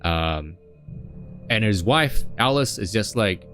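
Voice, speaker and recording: A man's voice: lowish voice, lively intonation, slow pace, fairly bright tone, soft background music. Rambling young man recapping a story. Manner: rambling, with frequent fillers and acted-out voices. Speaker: streamer.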